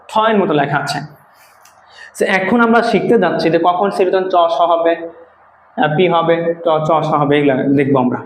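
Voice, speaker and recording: A man's voice: high-pitched, echoey room, slight background noise, low-quality recording. A man teaching a spoken English pronunciation lesson, explaining step by step and repeating words as he asks his students questions.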